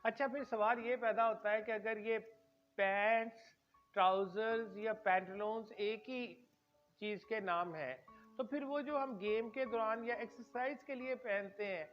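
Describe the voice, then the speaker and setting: A man giving a spoken pronunciation lecture, slow and deliberate, repeating each word for emphasis. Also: high-pitched. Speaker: English pronunciation teacher. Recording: dull lo-fi sound with faint music.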